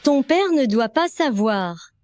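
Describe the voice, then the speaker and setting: A woman's voice: sing-song, takes it slowly, background noise, heavily acted. A woman dubbing an arrogant young female schemer who pretends to be the boss's wife, in a contemptuous manner. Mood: scornful. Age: young adult. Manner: contemptuous, shrill. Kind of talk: French drama dubbing.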